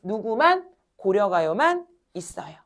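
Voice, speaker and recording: A woman teaching a classroom lecture, talking straight to her students, asking questions and answering them herself, and stretching words slowly when she demonstrates. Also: medium pitch. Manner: animated, addresses students directly, asks and answers own questions.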